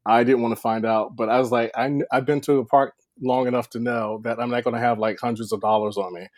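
A man's voice: medium pitch, steady tone, fast talker, a little mellow, dry recording, studio quality. A man who tells a long story in casual chat, rambling with many fillers and restarts, often laughing. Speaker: podcast guest.

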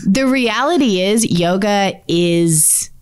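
A woman's voice: mid-range voice, animated, slow, clean tone. A woman co-hosting a casual podcast chat, talkative, often trailing off mid-thought. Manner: chatty, laughs often, trails off. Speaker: podcast co-host.

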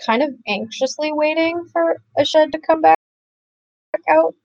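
A woman playing an online tabletop game speaks hesitantly, with many restarts and fillers, over a muffled voice-chat line that breaks up. Her voice is high-pitched, darkish and a little slow, with no room sound, in dull lo-fi online call audio.

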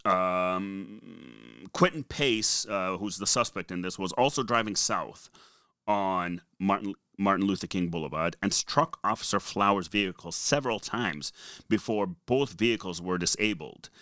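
A man with a heavy Boston accent talks casually as a podcast co-host. His voice is fairly low and forceful, with a close, dry sound. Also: measured pace, dry recording.

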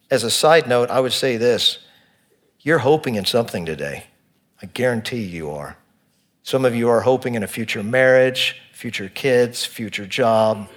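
A man preaching a sermon in church, counting off his points and reading scripture with emphasis. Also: medium pitch. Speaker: pastor.

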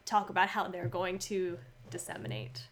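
A woman's voice: on the low side, big pitch swings, normal speed. A woman co-hosting a casual chat, laughing often and reading out limericks. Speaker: podcast co-host.

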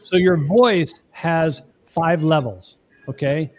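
Speaking slowly in a fairly high voice, a middle-aged marriage coach explains things step by step as a podcast guest, earnest and emphatic. He keeps checking with "okay?", and there's a slight hiss or hum in the background.

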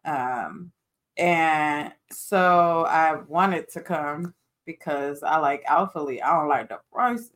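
Een vrouw die als co-host van een podcast ontspannen en met straattaal praat, vaak lachend. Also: female voice, low-pitched, takes it slowly, fairly bright tone. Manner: laid-back, slangy, laughs often. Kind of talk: casual chat.

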